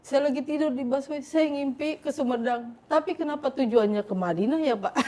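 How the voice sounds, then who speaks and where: Middle-aged woman guest, warm and fairly high, relives her story and voices her own prayers. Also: brisk. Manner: animated, acts out her own past words and prayers. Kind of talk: emotional personal storytelling.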